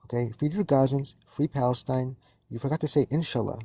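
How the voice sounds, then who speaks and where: A man's voice: medium pitch, brisk, mellow, husky, no room sound. A man on a live-stream debate panel, swearing and holding back his anger. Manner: swearing, barely restrained anger. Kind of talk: heated live-stream argument.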